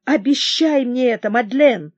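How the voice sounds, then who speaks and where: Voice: mid-range voice, sing-song, a little slow, husky, no room sound, highs cut off, pitched above the performer's own voice. An audiobook reader voicing a troubled, erratic young male king who gives agitated, feverish commands. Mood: commanding. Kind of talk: audiobook character reading.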